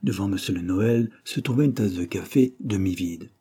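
A man reading a novel aloud in scripted narration, measured and even. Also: on the low side, breathy edge. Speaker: audiobook reader.

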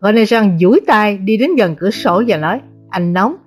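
A woman narrating a translated novel as an audiobook, in a measured, dramatic reading. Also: mid-range voice, expressive. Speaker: audiobook reader.

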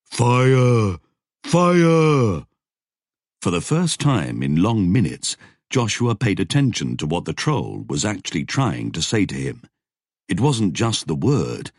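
Deep slow-reading male narrator. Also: very animated, slightly rough, no echo, clean studio sound. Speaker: audiobook narrator. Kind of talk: scripted narration.

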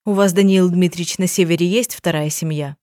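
A woman reading the lines of a calm, firm woman detective who talks quietly and gently in an audiobook. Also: on the low side, brisk, no echo, clean studio sound, close to an everyday voice. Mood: gentle. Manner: quiet and gentle, turning stern. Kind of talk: audiobook dialogue.

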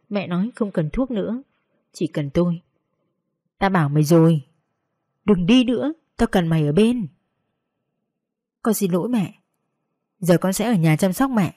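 A woman with a Northern Vietnamese accent, slowly and tenderly narrating a sorrowful story in the first person. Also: on the low side, mellow, dry recording, clean studio sound.

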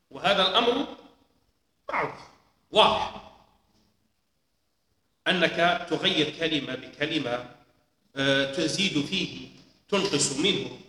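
A man teaching a lesson, explaining slowly and deliberately, repeating key points. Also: high voice, bright, forceful tone, a little hiss or hum. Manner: slow, deliberate explaining with repetitions. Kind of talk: lecture on hadith transmission. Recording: echoey hall with long reverb.

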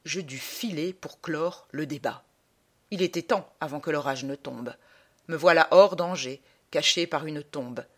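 A woman performing a comic verse monologue in a theatrical way, swinging from indignant outbursts to hushed asides. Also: low voice, unhurried. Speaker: monologue reciter.

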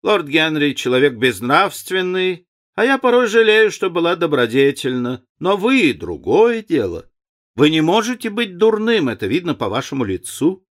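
A man's voice: fairly high pitch, very animated, normal speed, a bit bright, voice pushed up. A man voicing a chatty old society lady who loves matchmaking, gushing and emphatic.

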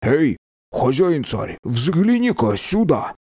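A man's voice: medium pitch, very animated, a little slow, a little mellow, dry recording, clean studio sound. A man doing an eager young apprentice. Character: eager young male apprentice, bold and enthusiastic.

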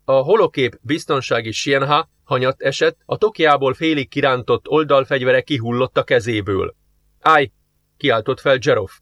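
A man reading an audiobook in even, measured narration. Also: mid-range voice, no echo, muffled recording.

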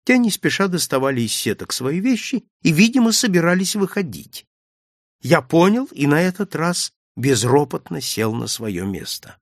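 Sex: man. Role: audiobook narrator. Style: dramatic first-person narration, lively and rather high. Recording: dry. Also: normal speed, no echo. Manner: expressive, dramatic storytelling.

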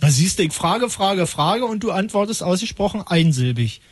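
A man hosts late-night call-in radio in a high, breathy voice. He rambles with mock-pompous irony, recorded close and dry in the studio. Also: lively intonation, normal speed, no echo.

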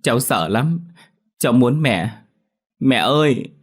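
A man's voice: normal speed, slightly rough. A man voicing a frightened little girl who cries and pleads for her mother in a ghost story. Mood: crying. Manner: high, pleading, crying out.

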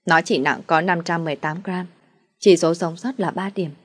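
A woman's voice: lowish voice, steady tone, moderate pace. A woman reading a dramatic first-person story aloud as its narrator.

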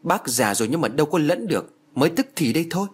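A man voicing a frightened elderly mother, talking in a shrill, quavering, exclaiming way. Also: sing-song, quick pace, husky. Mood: bewildered.

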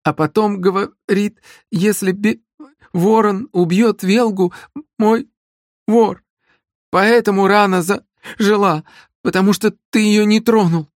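A terrified young hired killer pleads in a high, strained voice, as a male storybook reader puts her on. She gabbles breathlessly, swallowing her syllables. The recording is dry and close. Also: steady tone, slow pace, dry recording. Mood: frightened.

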